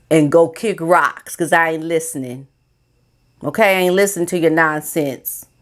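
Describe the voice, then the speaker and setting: An American woman vlogger delivers informal opinion commentary in a sassy, emphatic, colloquial style. Her voice is lowish.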